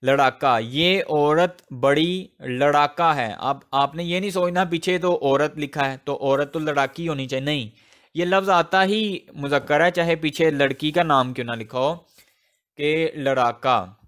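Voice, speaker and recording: A male teacher, a native Urdu speaker, working through a grammar lesson word by word. His voice sits a little high, and he talks slowly and deliberately, building example sentences and repeating the key words to drive them home. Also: fairly bright tone.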